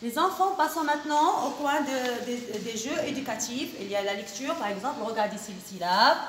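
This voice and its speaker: A woman teaching kindergarten children, speaking slowly and patiently and repeating her questions. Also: on the high side, animated, fairly bright tone, a little hiss or hum. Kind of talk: teaching a class of young children. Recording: echoey room recorded from far off.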